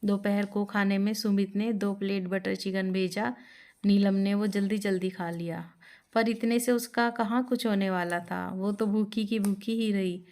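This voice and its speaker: A woman narrating a moral story in a steady, plain storytelling manner. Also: mid-range voice, measured pace.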